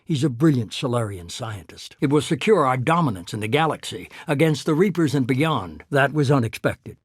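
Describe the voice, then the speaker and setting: An actor playing a shadowy middle-aged leader in a video game, cold, calculating and commanding, speaking in a measured, deliberate way. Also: male voice, medium pitch, expressive, husky, dry recording, studio quality. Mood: calm, persuasive. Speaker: head of a secret organisation. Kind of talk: dramatic video game voice acting.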